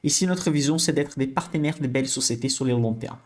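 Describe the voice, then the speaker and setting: A man's voice: medium pitch, fast talker. A man with a Brazilian accent hosts a live-streamed investing class, chatty and checking in with viewers as he explains. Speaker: financial educator hosting a live stream.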